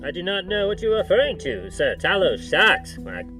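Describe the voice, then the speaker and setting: A man's voice: sits high, very animated, normal speed, bright, forceful tone, soft background music, pitched above the performer's own voice, full character voice. A man doing a quacking clockwork train automaton. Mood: stiffly polite. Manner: stiff, formal announcer delivery with quacks. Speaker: game master. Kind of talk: tabletop game voice acting.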